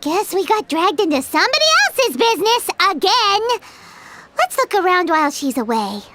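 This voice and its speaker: An actress voicing a small, excitable fairy companion in a game who talks about herself by name and reacts bluntly. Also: female voice, very high voice, moderate pace, very noisy. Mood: exasperated.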